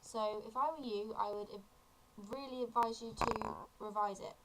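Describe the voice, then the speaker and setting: Teen girl, 17, casual vlogger, earnest and chatty, slightly high voice. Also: steady tone, normal speed, noisy background. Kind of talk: casual tutorial vlog.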